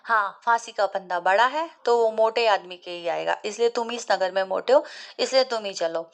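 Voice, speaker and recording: A woman voicing gruff male soldiers who give blunt, mocking orders. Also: mid-range voice, moderate pace, close to an everyday voice.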